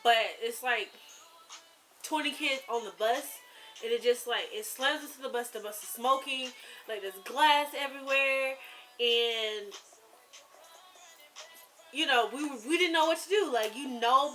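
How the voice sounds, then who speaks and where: A young woman vlogging, telling a scary story in a rambling, animated way with lots of fillers. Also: high-pitched, unhurried, long pauses, faint music behind, low-quality recording. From rural US South. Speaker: YouTuber. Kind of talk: casual storytelling vlog.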